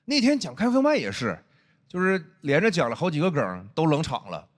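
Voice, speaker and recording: A man performing a stand-up comedy set on stage, animated and acting out other people's voices. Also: on the high side, brisk. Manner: animated, acts out friends' teasing voices. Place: stage before a live audience. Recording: noisy live show audio. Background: audience laughter.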